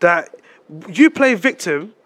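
A man's voice: sits high, very animated, slow pace, a bit bright, dry recording, low-quality recording. A man with a London roadman accent and slang, co-hosting a heated casual chat, swearing often and repeating phrases for emphasis. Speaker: podcast co-host.

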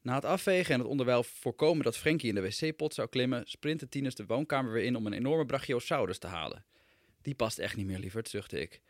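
A man's voice: on the low side, dry recording. A man, a writer, reading aloud his own humorous personal essay with dry, wry storytelling.

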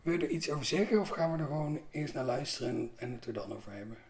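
Lively, slightly gravelly male host. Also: medium pitch, fast. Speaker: podcast host. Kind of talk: podcast interview. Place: indoor room. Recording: roomy echo with faint music.

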